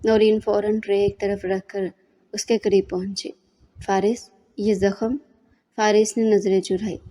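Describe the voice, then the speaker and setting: A woman with a Pakistani accent reads a romance novel aloud at a steady, measured pace. Her voice is mellow and dark-toned, with an even middle pitch. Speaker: novel reader. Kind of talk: dramatic storybook narration.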